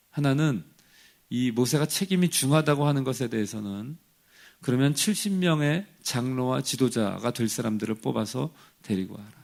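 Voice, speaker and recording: Gravelly-voiced male pastor preaching. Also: mid-range voice, a little mellow. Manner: conversational preaching, acts out quoted complaints. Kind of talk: sermon.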